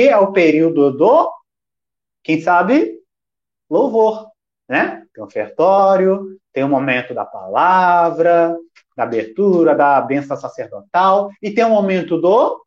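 A man teaches on a live stream, and his pitch swings widely as he talks. He talks straight to the chat and fires questions at himself before answering them. The sound is dull and lo-fi. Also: a little mellow. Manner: talks directly to chat viewers. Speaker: worship music teacher.

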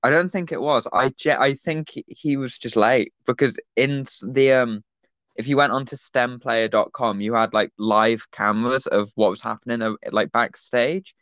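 A man's voice: medium pitch, fairly even intonation, normal speed, fairly bright tone, dry recording, dull audio. Teen guy telling a rambling story. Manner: rambling anecdote with many fillers. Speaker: podcast co-host. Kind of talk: casual chat, storytelling.

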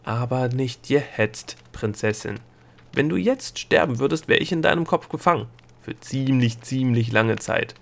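A man doing a gruff grumpy gnome nightmare. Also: medium pitch, animated, a little slow, fairly bright tone. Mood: accusing. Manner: gruff, snapping, impatient. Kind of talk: audiobook character voice.

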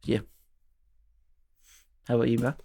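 Gravelly young man bantering about sport. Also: medium pitch, little pitch movement, unhurried, warm tone. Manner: slangy, matey, jokey. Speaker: podcast co-host.

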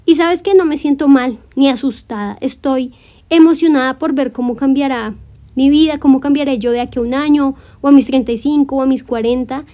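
A woman in her twenties hosting a solo podcast, speaking gently and encouragingly straight to her listener in a reflective monologue. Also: sits high, brisk. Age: 20s. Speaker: podcast host.

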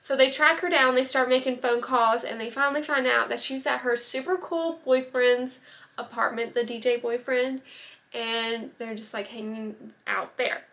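A woman's voice: on the high side, steady tone, normal speed, a bit bright. A young woman casually telling a true-crime story, chatty, full of "like" and little asides. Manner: chatty, many "like" fillers and asides.

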